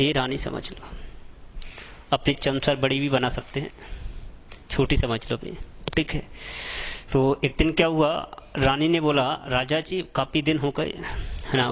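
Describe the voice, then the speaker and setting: A man's voice: mid-range voice, fairly bright tone. A man teaching a math lesson, explaining with a folksy story and often checking that students follow. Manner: chatty, addresses students as beta and sahab, asks checking questions.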